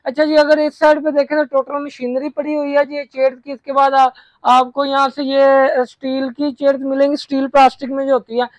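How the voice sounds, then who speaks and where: A young man from Pakistan hosting a market tour vlog with a brisk, upbeat presenter manner, recorded outdoors in a warehouse yard on a lapel mic. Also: very high voice, level tone, no room sound. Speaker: vlogger host. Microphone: clip-on lapel mic.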